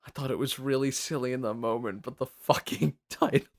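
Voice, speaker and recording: A man co-hosting a podcast, chatting playfully and quick to laugh. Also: mid-range voice. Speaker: podcast co-host. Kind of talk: casual comedic chat.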